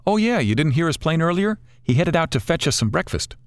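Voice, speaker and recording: A man's voice: on the high side, a little fast, no room sound, studio quality, voice pushed up. A man voicing an upbeat, sarcastic adult male flying buddy in a read-aloud story. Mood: casual. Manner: energetic, sarcastic quips.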